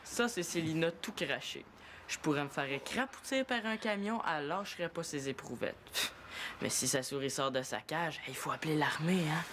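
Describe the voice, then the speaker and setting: A woman's voice: low-pitched, moderate pace, natural voice. An actress with a Québécois accent playing a young woman who mocks and teases her housemate with sarcastic remarks. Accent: Québécois French. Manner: sarcastic, mocking. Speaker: actress in a TV family comedy. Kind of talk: scripted TV series acting. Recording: loud background noise.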